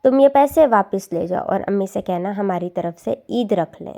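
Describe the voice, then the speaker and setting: A woman voicing a kind, worried middle-aged mother who talks in a gentle, coaxing way. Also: medium pitch, expressive, lightly acted.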